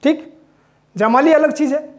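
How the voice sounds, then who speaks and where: A man's voice: very high-pitched, normal speed. A man teaching a Hindi spelling lesson, explaining patiently while writing words out and often checking in with his class. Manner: explanatory, checks in with "theek", mixes in English phrases.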